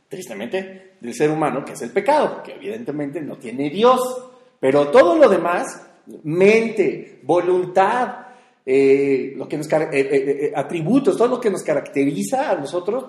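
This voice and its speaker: Guy preaching, chatty sermon w/ lots of "eh", kinda high voice, roomy echo. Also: a little mellow. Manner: conversational, with fillers and emphatic rises. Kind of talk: sermon teaching. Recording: echoey room.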